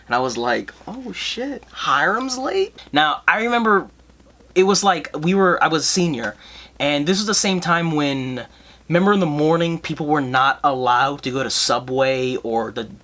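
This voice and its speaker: A young man trades school stories with a friend on a casual podcast. His voice is bright and sits a little high, and he swears freely and laughs easily as he tells it. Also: moderate pace. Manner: animated, swears a lot, laughs often. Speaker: podcast co-host. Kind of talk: casual chat.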